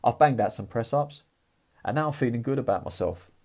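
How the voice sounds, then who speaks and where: A husky-voiced man talks straight to the listener about getting moving. He keeps it casual, swears freely and pushes hard with blunt motivation. His voice sits at a medium pitch with a rough, breathy edge. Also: expressive, a little fast, darkish tone. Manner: blunt, profane and fired-up. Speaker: motivational vlogger.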